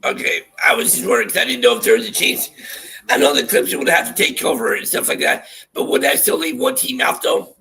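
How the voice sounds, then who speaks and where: Thin, squeaky, high-pitched man with a cold. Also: very animated, quick pace, vocal fry, pushed and bright, rough recording. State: congested with a cold. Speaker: caller to a sports call-in show. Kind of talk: casual fan chat.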